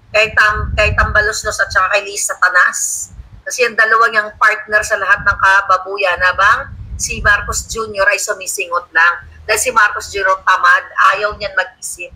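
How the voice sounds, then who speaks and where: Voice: mid-range voice, pushed and bright, slightly rough, rough recording. A livestream host giving scornful, combative political commentary and reading viewer comments aloud. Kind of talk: casual live commentary. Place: home studio.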